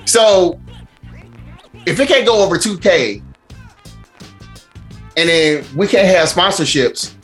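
Animated, slangy man ranting over background music. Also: mid-range voice. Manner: slangy, blunt, swears freely. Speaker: streamer host. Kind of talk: casual ranting commentary on gaming rules.

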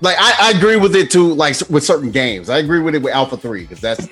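A man co-hosting a casual gaming podcast, his pitch a touch high and swinging widely as he talks. He swears freely, laughs a lot and gets loud when excited. Faint music sits under his voice. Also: quick pace. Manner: animated, swearing, laughing often. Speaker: podcast co-host.

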